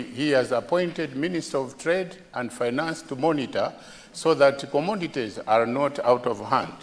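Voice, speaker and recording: A man with a Malawian accent putting a question as a member of parliament, halting and persistent. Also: medium pitch. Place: large indoor parliamentary chamber. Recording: reverberant hall with crowd murmur.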